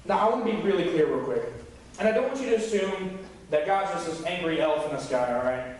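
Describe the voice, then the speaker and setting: This young man preaches as a youth pastor in a church sanctuary, his voice on the high side, animated, fairly quick and a little mellow. His sermon is conversational and full of jokes, and he performs quoted voices. The distant, echoey recording carries a faint hiss or hum.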